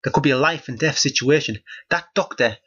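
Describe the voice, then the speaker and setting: A man with a husky voice reads a children's picture book aloud and keeps stopping for deadpan, mock-outraged commentary. His pitch sits in a middle register. The sound is dull and lo-fi. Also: fairly quick. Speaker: host reading a children's book. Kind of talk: comic book reading with running commentary.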